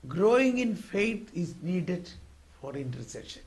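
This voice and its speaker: Emphatic slow-paced male preacher. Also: sits high, big pitch swings. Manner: emphatic, swings from soft asides to loud exclamations, asks the audience to repeat. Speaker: retreat preacher. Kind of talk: sermon.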